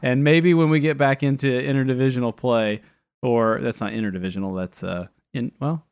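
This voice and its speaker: A man's voice: mid-range voice, brisk, darkish tone, smooth, no room sound, studio quality. Wry, wordy man on a podcast. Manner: wry, wordy and mock-formal, often facetious. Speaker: fantasy football podcast co-host. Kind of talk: casual podcast chat.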